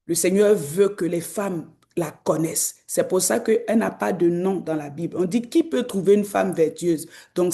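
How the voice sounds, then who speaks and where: A woman preacher, delivering an exhorting sermon that climbs to loud, emphatic peaks. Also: on the low side, vocal fry. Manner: acts out quoted voices.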